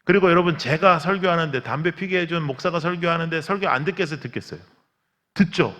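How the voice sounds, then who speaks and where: A man preaching a revival sermon as pastor, telling stories with lively acted-out quotes and cries. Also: on the high side, quick pace. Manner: animated storytelling, acts out quotes and cries. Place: large church sanctuary. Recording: long church hall reverb.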